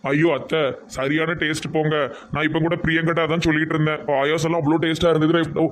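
Quick-talking cartoon son-in-law played by a man. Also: on the high side, flat delivery, natural voice. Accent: Tirunelveli Tamil. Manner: polite, affectionate. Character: polite young man, new son-in-law.

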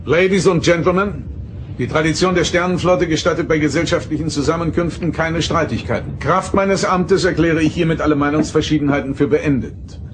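An actor playing an authoritative starship captain, formal and deliberate, in a German science-fiction radio drama. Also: male voice, on the high side, noisy background, close to an everyday voice. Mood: formal, measured. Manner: formal, commanding.

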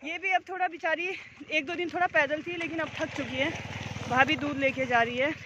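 A chatty woman from Uttarakhand talks to her phone camera as she walks along an outdoor road, and her voice sits high. She teases the people she meets in a casual vlog manner. Loud street noise runs under everything. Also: fairly even intonation, a little fast, muffled recording. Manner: chatty, teasing, talks to the camera while walking. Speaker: vlogger. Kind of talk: casual walking vlog chat. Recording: noisy outdoor street sound.

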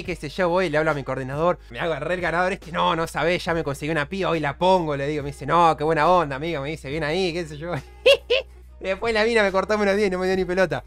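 A young man in his twenties with an Argentine accent, a streamer telling a crude, self-mocking story to his chat with lots of slang. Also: sits high. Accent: Argentine Rioplatense Spanish. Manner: animated, crude slangy banter, laughs at himself.

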